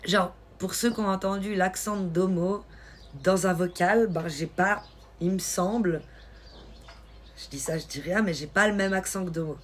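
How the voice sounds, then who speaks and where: A woman from Switzerland with a light Swiss French accent, hosting a live stream and chatting casually with viewers in a teasing, quick-witted way. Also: on the low side, a little hiss or hum. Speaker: livestream host. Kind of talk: casual live-stream chat reading comments.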